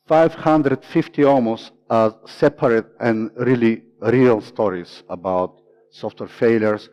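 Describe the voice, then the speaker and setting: A man's voice: mid-range voice, darkish tone. A man in his forties from Bulgaria with a Bulgarian accent, giving an earnest conference talk full of fillers. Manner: earnest, many fillers, stresses key words. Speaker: conference speaker. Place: conference room. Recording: dull lo-fi room recording.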